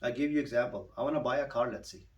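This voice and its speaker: A man teaching one student, patient and unhurried, often repeating each word slowly. He sits back from the mic in a roomy space, so his voice carries a clear echo. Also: medium pitch, distant mic, lo-fi sound. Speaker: Quran recitation teacher. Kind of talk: one-on-one tutoring.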